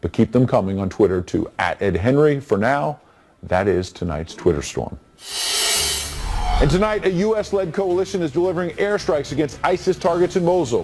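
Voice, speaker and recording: A man hosting a cable news show, reading viewer posts and interviewing a guest in a brisk, wry way. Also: mid-range voice, darkish tone. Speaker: TV news host.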